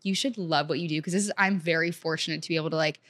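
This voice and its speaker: A woman's voice: sits low, fairly even intonation, racing, fairly bright tone. A young woman in her twenties from Senegal, talking as a guest in an upbeat, chatty way full of "like". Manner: chatty, upbeat, heavy use of "like". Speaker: guest, content creator. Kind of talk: casual chat.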